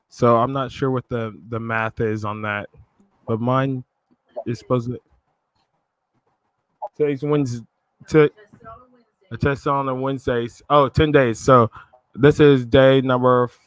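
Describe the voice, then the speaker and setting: Slow-talking, laid-back guest, a man. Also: mid-range voice, clear, resonant tone, no room sound, rough recording. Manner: laid-back, short plain sentences. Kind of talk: casual video call chat.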